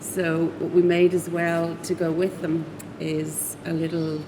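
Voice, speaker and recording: A woman's voice: on the low side, level tone, measured pace, noisy background. A woman with an Irish accent, explaining her group's work in a casual interview. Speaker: knitting group activist.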